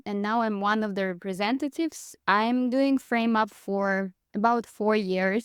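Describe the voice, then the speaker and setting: A dance teacher in her thirties from Moscow, with a Russian accent and a smooth, medium-pitched voice, chats casually as an interview guest and laughs often while telling her story. She says "like" frequently. The recording is dry, with a clean studio sound.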